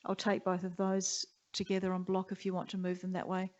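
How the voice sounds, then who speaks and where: Woman chairing a council meeting, flat voice. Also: fairly low pitch. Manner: brisk, procedural. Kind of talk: formal meeting procedure. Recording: dull muffled council chamber audio.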